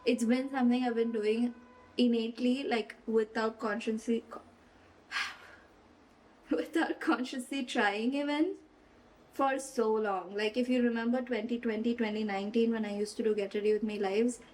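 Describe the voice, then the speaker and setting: A woman's voice: on the high side, steady tone, normal speed, darkish tone, distant mic, rough recording. Young woman, casual makeup chatter, fake british lilt, a bit off-mic, faint rain and traffic behind. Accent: playful fake British accent mixed into her own. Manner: chatty, rambling, giggly. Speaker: beauty vlogger. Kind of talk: casual get-ready-with-me makeup chat. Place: home room with rain and traffic outside.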